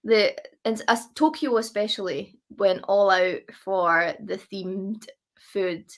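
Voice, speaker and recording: A woman's voice: mid-range voice, slow, fairly bright tone. Gushing woman guest in casual chat. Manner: gushing, emphatic repetition. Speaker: interview guest.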